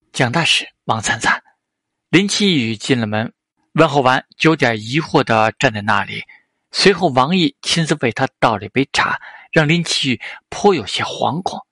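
A man reading a novel aloud as an audiobook narrator, in steady scripted narration. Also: mid-range voice, no room sound.

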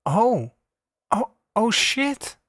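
A man voicing Max, a worried, blunt male friend who speaks softly. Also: extremely high pitch, very animated, very slow, no echo, clean studio sound, voice pushed up, heavily acted.

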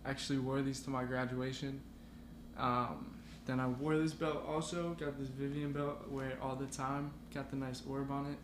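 A man's voice: mid-range voice, level tone, normal speed. A young man as a podcast guest, talking in a laid-back, rambling way full of fillers. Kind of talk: casual chat. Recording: echoey room with background noise.

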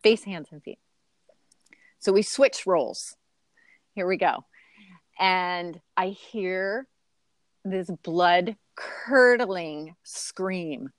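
A mother in her forties, appearing as an interview guest, recounts a chaotic family story, laughing often and acting out her own quotes. Her voice is lowish and very slow, with long pauses, and the recording has no echo.

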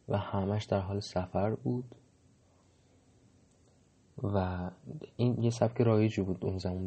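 A man's voice: low-pitched, gravelly, dark tone, breathy edge, highs cut off. A man giving a casual, reflective monologue, hesitant and full of fillers. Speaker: monologue host.

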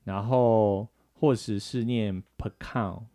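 Warm and on the low side, this Taiwanese co-host's voice stays steady and slow. He's chatty on a casual radio talk show, explaining things with many fillers.

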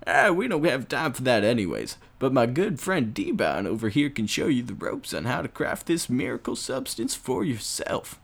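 A man's voice: mid-range voice, very animated, normal speed, gravelly, few pauses, husky, full character voice. A man doing a folksy old-timer voice. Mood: nostalgic. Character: nostalgic old man, rambling about the old days.

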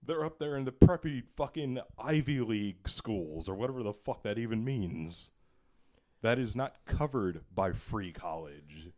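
Deep, dark-voiced man ranting profanely. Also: animated, a little slow. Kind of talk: casual political rant.

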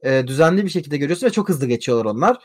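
Man, high voice, rapid animated storyteller, swears a lot, casual panel chat.

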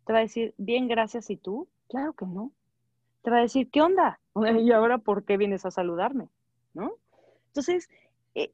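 Mexican woman with a high, animated voice. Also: no echo. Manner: animated, acts out little dialogues, many fillers and restarts. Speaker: guest advisor. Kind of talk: conversational advice. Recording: dull lo-fi dry sound.

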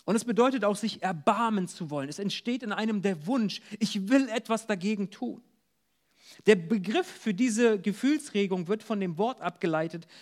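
A man preaching an earnest sermon at a church service, dropping soft and low for words of comfort. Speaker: pastor.

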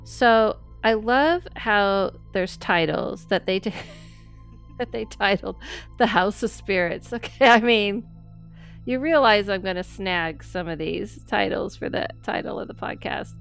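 A woman's voice: medium pitch, a little slow, gravelly, a bit bright, clear, resonant tone, soft background music. A woman hosting a podcast, chatting casually with a guest, affirming often and laughing easily. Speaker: podcast host. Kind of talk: casual interview chat.

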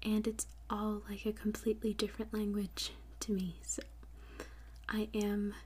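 A podcast host guides a sleep podcast in a soft ASMR whisper, her mid-range voice airy, breathy, and completely flat with very little rise and fall. She goes slowly, carefully repeating and spelling out words.

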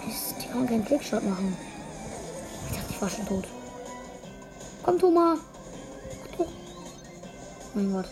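A woman's voice: mid-range voice, normal speed, long pauses, music in the background. A young woman chatting casually while gaming, answering in short, shrugging replies. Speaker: gaming partner.

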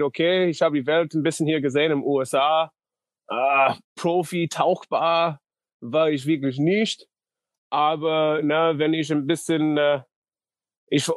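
A man's voice: a little high, no room sound. A man in his thirties from North Dakota speaks German as a second language with an American accent. He is a guest in a casual interview and keeps stopping to search for words. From North Dakota, USA. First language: English. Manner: halting non-native German, searching for words. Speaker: guest, pitching coach.

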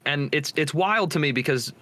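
A man's voice: fairly high pitch, animated, pushed and bright, no echo. A man from New Jersey chatting casually on a podcast, peppering his talk with "like". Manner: quick, filler-heavy with "like".

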